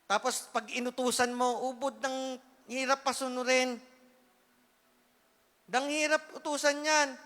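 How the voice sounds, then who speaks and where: A man giving an earnest, emotional sermon testimony, swinging between loud pleading and hushed asides. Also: extremely high pitch, level tone, a little slow, long pauses. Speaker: church speaker giving testimony. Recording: reverberant church hall.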